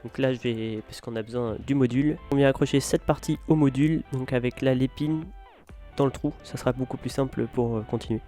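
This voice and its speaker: Relaxed man explaining a build. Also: medium pitch, brisk, soft background music. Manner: relaxed, hesitant with frequent fillers. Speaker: building tutorial host. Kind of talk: casual step-by-step tutorial.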